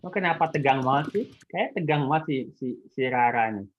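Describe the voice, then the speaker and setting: A man's voice: on the high side, expressive, a little fast. A man with a Jakarta Indonesian accent and a slightly imprecise R, lecturing informally and often checking that listeners follow. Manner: colloquial, checks understanding with frequent tags. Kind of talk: informal online statistics lecture. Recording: echoey, muffled phone-like call sound.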